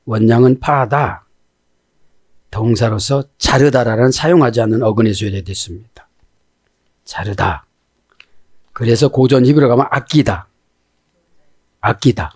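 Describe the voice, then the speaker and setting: A man's voice: mid-range voice, darkish tone, husky, dry recording, studio quality. A man preaching as a pastor, explaining Hebrew scripture words and often checking in with listeners using short tag questions. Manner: slows down to spell out word grammar.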